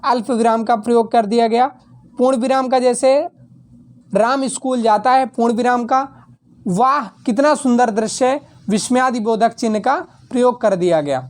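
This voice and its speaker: A young adult woman teacher reading out exam answers at a steady dictating pace, now and then correcting herself mid-word. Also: on the high side, moderate pace.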